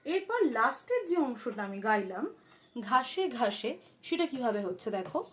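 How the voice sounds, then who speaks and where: A woman teaching a song at the harmonium, singing phrases slowly and then explaining the notes quietly and quickly. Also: on the high side, very animated. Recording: loud harmonium under the voice. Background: harmonium playing.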